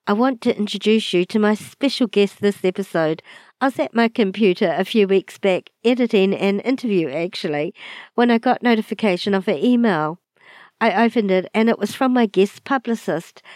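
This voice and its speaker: A woman podcast host with a New Zealand accent reads her introduction at a middle pitch. Her voice is raspy and short of breath, as with a chest infection. The sound is dry, with very little room to it. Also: darkish tone, no room sound.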